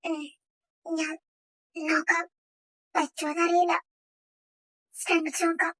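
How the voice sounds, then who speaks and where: A woman's voice: extremely high pitch, flat delivery, slow, fairly bright tone, full character voice. A woman voicing a timid young female personal assistant who pleads and defends herself. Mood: anxious.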